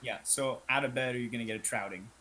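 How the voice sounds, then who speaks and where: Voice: medium pitch, fairly even intonation, quick pace, bright, forceful tone, rough recording. A player chatting casually and playing along in a tabletop game. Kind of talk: casual chat.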